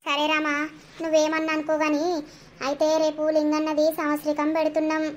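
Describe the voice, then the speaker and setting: Lady doing a high, even-toned cartoon widow w/ telangana accent, timid and pleading. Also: brisk, lightly acted. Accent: Telangana Telugu. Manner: pleading, apologetic. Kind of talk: animated village comedy voice acting.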